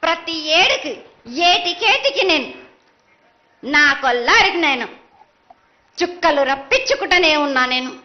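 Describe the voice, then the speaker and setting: A woman's voice: very high voice, very animated, normal speed, pauses often. A woman speaking as a mother goddess in a prophetic trance at a festival ritual, chanting insistent, repeated phrases in reproach and demand. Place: live temple festival ritual. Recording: dull lo-fi live broadcast sound.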